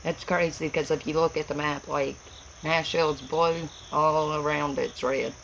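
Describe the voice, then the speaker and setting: A woman with a folksy Appalachian accent from Tennessee chats casually on a livestream. Her voice is gravelly with plenty of fry, and she talks in a plain, rambling, rural way. Faint noise sits behind her on the recording. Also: sits low, fairly even intonation, measured pace, rough recording. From Tennessee, United States. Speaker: livestream host.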